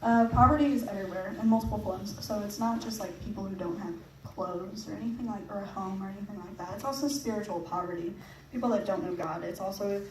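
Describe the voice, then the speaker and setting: A young woman speaks fast at a medium pitch, telling a church hall audience about her mission trip in a chatty, casual way. Frequent laughter and fillers mark her talk, which is picked up distantly in an echoey hall with faint noise.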